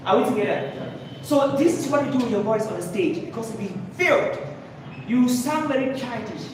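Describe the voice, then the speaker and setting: Man coaching public speaking live, high voice, distant mic, very echoey room, background noise. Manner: demonstrative, quizzes the audience. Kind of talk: live workshop lecture.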